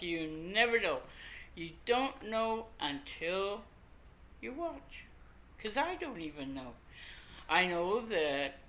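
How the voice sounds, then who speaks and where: An older Canadian woman without teeth hosts a podcast, her lips folding over her gums as she speaks slowly in a medium-pitched, bright, forceful voice. She rambles in a folksy, self-deprecating way while chatting casually to camera. The noisy recording sounds amateur, made on a home computer.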